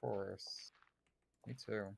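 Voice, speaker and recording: Gravelly low-voiced guy streaming a game, laid back, trips over his words a lot. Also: slow pace. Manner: relaxed, hesitant, repeats words. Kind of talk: casual gaming chat.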